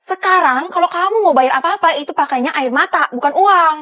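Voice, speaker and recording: A matter-of-fact food stall lady answers briskly in a high voice. A woman acts her out in a comedic skit. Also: sharp tone, dry recording.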